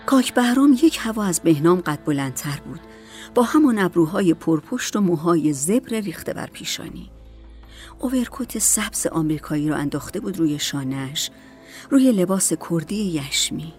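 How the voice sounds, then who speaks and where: A woman reads a story aloud as an audiobook, calm and measured. Her voice sits on the low side, with faint music running softly behind. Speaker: narrator. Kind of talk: audiobook narration.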